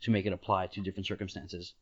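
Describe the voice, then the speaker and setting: A man hosts a podcast in a low, darkish voice with a level tone, speaking rapid-fire. His explanations come as casual chat full of "like" and "right?", with easy laughter. The recording is dull and lo-fi.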